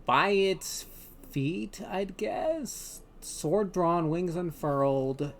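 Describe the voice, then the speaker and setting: A man's voice: sits high, animated, drawn-out words, a little hiss or hum. A man acting as dungeon master, describing the scene in a tabletop game.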